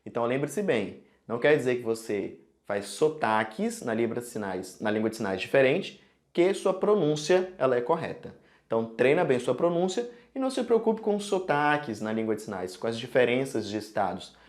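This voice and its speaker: A man with a Brazilian Portuguese accent teaching sign language in an online tutorial, explaining in a lively way and often checking in with the viewer. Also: mid-range voice, moderate pace.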